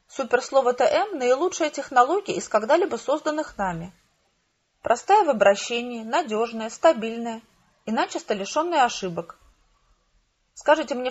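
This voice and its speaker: A man's voice: very high voice, slightly rough, dull audio, full character voice. A woman reading an audiobook, voicing a smug, hostile male bureaucrat who speaks coldly and with contempt. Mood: smooth. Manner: contemptuous, cold and accusing.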